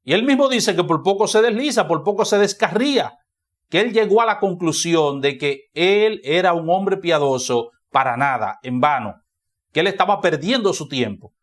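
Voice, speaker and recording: A man's voice: sits high, animated, normal speed. A man with a Dominican Spanish accent, a pastor preaching a sermon in church, who repeats key phrases for emphasis.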